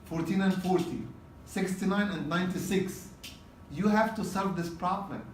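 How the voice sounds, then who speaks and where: A man lecturing a class on exam preparation, his voice sitting a bit high for a man and heard from across an echoing room. He talks in loose spoken bursts and keeps checking that students follow him. The recording is roomy, with faint noise underneath. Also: moderate pace, far from the mic. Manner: repetitive, checks in with "okay?". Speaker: exam prep teacher.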